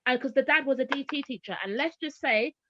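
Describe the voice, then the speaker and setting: A woman's voice: high voice, fairly quick, no echo. A woman in her thirties from Barbados, a former teacher telling stories in a casual interview and acting out the voices she quotes. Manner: animated storyteller, acts out quoted voices. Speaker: guest, former teacher now homeschooling parent. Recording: dull lo-fi sound, dry.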